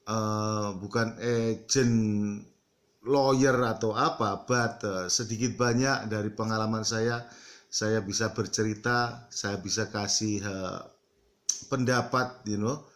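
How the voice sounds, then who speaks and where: A middle-aged man from East Java talking casually to his viewers, halting often with fillers and slipping into English. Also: fairly low pitch, fairly even intonation, a bit bright. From East Java, Indonesia. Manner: halting, many fillers, mixes English into Indonesian. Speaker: vlogger. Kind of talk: casual talk to camera.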